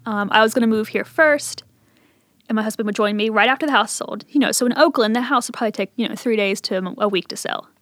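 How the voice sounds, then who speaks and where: A woman in her thirties, originally from Appalachian southern Ohio and later living in Richmond, Virginia, tells personal stories casually as an interview guest. Her voice is a little high and fairly bright, she talks quickly, and there's no room sound.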